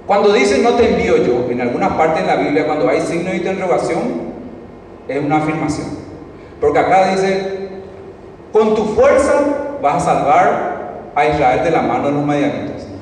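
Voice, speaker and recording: A male preacher gives a lively sermon in a high, expressive voice and acts out the lines of the people in the story. He is recorded from across a large, echoing hall with a long reverb tail. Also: moderate pace, slight background noise. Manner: animated, acts out the characters' lines. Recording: echoey hall, picked up from a distance.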